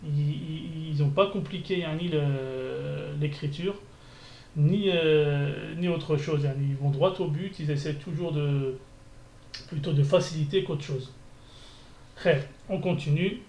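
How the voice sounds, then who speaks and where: A man's voice: on the high side, takes it slowly, gravelly, darkish tone. A man teaching a beginner Arabic lesson, thinking aloud as he corrects exercises, with frequent restarts. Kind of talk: screencast lesson. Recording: echoey room, faint ambience.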